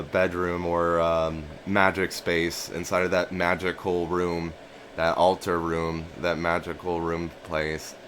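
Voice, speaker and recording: Male, deep and unhurried, casual dream storyteller, musing and repetitive, some background hiss. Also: a bit bright. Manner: musing, halting, repeats and rephrases phrases as he goes. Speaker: narrator of a personal dream journal.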